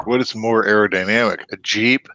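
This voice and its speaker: Low-voiced man hosting a casual chat. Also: steady tone, normal speed, sharp tone, dry recording. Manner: joking, loose and profane. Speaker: host.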